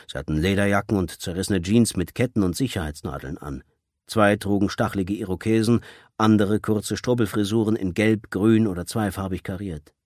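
Male audiobook narrator, low voice, dry booth sound, measured delivery. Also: darkish tone, no echo.

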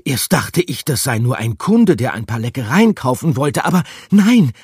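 A man puts on a high, squeaky storybook rat lady, out of breath and bursting with news, her voice climbing and cracking as she rushes on. The sound is close and dry, with no room around it. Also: big pitch swings, a little mellow, breathy edge, no room sound. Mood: excited.

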